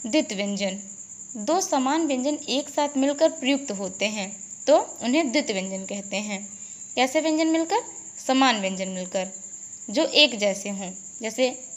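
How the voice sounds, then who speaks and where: A woman teacher giving a grammar lesson to a class, slowly repeating and explaining each point. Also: high voice. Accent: Indian. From India. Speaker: school teacher.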